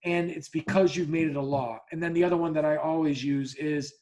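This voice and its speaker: This man sits on the high side, with a darkish tone, fairly even intonation and a fairly quick pace. Hosting a relaxed podcast conversation, he recounts a story bluntly, keeps restarting, curses openly and voices both parties in the dialogue he quotes.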